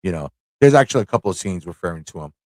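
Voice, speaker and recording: Very fast and animated, a low-voiced man hosts a fan chat on a livestream, talking loosely and leaning on rhetorical tag questions. The audio is studio quality with no room sound at all.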